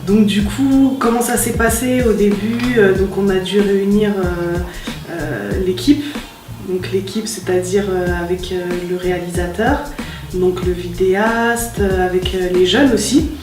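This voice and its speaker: A woman's voice: mid-range voice, unhurried. Woman coordinator, hesitant explaining. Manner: steady explaining with frequent "euh". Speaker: youth service project coordinator. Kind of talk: casual interview. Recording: distant echoey recording with music.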